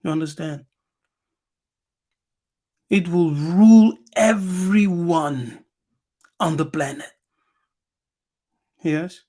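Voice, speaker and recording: A man's voice: fairly high pitch, extremely slow, long pauses, warm tone. A man from Angola hosting a lecture, reading passages aloud and commenting on them. He talks emphatically, repeating words and often adding "yes". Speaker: channel host.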